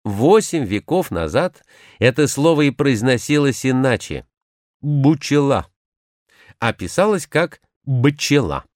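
Expressive man narrating word history. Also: medium pitch, moderate pace, dry recording, clean studio sound. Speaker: language historian explaining word origins. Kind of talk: scripted educational narration.

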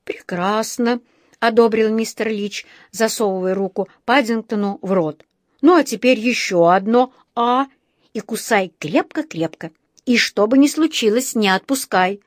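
A woman voicing a flustered middle-aged male dentist who speaks in a brisk, huffy way, in a storybook reading. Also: on the high side, no room sound, studio quality, close to an everyday voice. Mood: instructing.

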